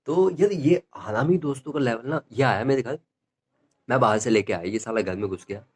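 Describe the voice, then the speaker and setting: A teenage male stand-up comedian telling rambling school stories in an animated, laughing way. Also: medium pitch, normal speed, husky. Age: teens.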